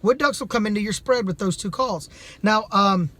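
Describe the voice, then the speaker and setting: High-pitched man, casual hands-on demo. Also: normal speed, a bit bright. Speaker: amateur duck hunter reviewing calls. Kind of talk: casual product demonstration.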